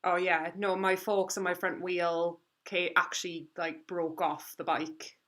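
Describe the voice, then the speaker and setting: A woman's voice: fairly low pitch, flat delivery, measured pace, a bit bright. A Welsh woman chatting casually over a video call, telling stories and laughing often. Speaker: guest. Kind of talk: casual chat.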